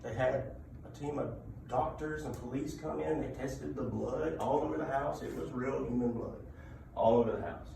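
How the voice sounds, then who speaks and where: Male live storyteller, conversational ghost-legend talk with dramatic pauses; creaky voice, distant in a very echoey room. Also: mid-range voice. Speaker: public speaker telling local ghost stories. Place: indoor room at a library talk. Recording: echoey room from afar, background noise.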